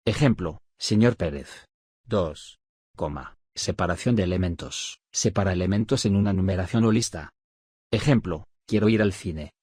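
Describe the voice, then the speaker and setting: A man reading spelling rules aloud as a scripted study audiobook, in a measured, list-like dictation with pauses. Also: deep voice, darkish tone, husky, no echo, clean studio sound. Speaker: audiobook narrator of a study syllabus.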